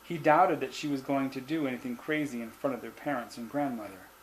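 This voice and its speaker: A man's voice: mid-range voice, fairly quick, poor audio. A man with an ordinary mid-range voice reads his own short story aloud. He keeps the narration plain and lifts the quoted lines only a little. A faint hiss sits under the recording.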